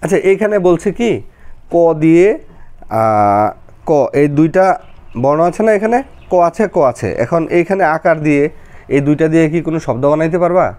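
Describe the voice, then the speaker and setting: A woman's voice: low voice, lively intonation, measured pace, dark tone. A woman, teaching a child a lesson in a patient, coaxing, step-by-step way. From Bangladesh.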